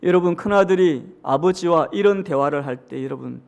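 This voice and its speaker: A male pastor with a Gyeongsang accent giving a sermon. He talks straight to the congregation, reads scripture aloud with them, and swings between loud, emphatic lines and hushed asides. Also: a little high, fairly quick, gravelly, dull audio. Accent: Gyeongsang Korean.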